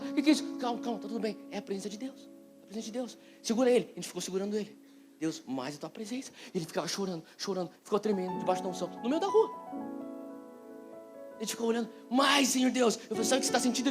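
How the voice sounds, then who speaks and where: A man from Brazil preaching a sermon at a conference, telling a story and acting out the voices, animated and rising to loud exclamations. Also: a little high. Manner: animated, acts out dialogue, rises to loud exclamations. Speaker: pastor. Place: conference hall. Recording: live event with guitar music behind.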